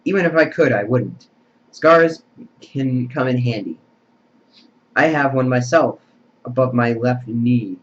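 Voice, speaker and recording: A man voicing a calm, wise old wizard headmaster who speaks in a measured way, on a dull lo-fi recording. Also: mid-range voice, lightly acted.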